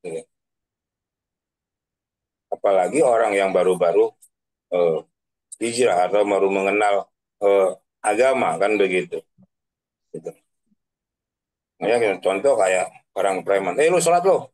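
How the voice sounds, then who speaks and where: A man's voice: low-pitched, takes it slowly, pauses often, a little mellow, poor audio. A man giving a casual online religious talk as a preacher. He speaks in slangy everyday phrasing, tags his sentences with filler questions and laughs at his own examples. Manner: chatty, tags sentences with 'kan begitu'. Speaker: Islamic preacher.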